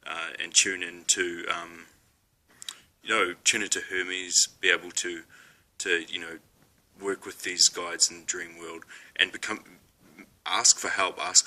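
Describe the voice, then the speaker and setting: This spiritual vlogger is a young man with a New Zealand accent and a deep voice that has a bright, forceful tone. He speaks to camera casually but hesitantly, with many ums and restarts.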